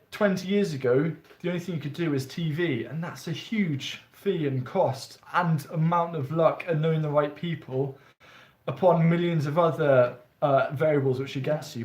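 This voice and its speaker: A man's voice: on the high side, echoey room. A young man hosting a casual live-stream chat, chatty and rambling with lots of enthusiasm. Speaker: host.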